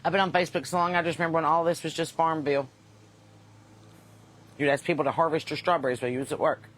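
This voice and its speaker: With a low-pitched voice, quick pace and fairly even intonation, a female singer from Kentucky hosts a livestream. Her Southern US accent colors a casual, folksy, unpolished banter laced with jokes.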